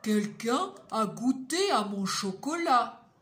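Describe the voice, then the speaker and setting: A woman's voice: fairly high pitch, sing-song, slow pace, fairly bright tone, heavily acted. A woman voicing a big, stern papa bear in a read-aloud storybook, speaking firmly and emphatically.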